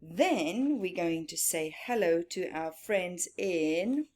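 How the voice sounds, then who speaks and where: Expressive and a little mellow, a woman's fairly low voice moves slowly as she reads and teaches for young children. She uses a singsong style with repetition, asking her viewers questions and then answering them.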